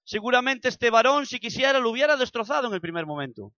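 A man's voice: very high-pitched, sing-song, fast talker, sharp tone, dry recording, dull audio. A man from preaching a sermon, acting out the scripture with vivid sound effects.

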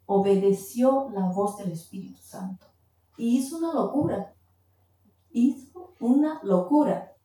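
A woman delivers a sermon with a mellow, dark voice, pausing at times to hunt for a word. She stands well back from the mic, and her voice rings through a very echoey church hall. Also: mid-range voice, far from the mic, a little hiss or hum. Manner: searches for words mid-sentence. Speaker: preacher. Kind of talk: sermon with told testimony.

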